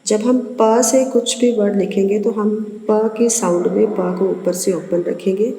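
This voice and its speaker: A woman's voice: mid-range voice, steady tone, mellow, slight background noise. Patient woman teacher in an echoey room. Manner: patient, repeats letters slowly, calls pupils child. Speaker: school teacher. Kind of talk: online lesson teaching Punjabi letters. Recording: roomy echo with long reverb.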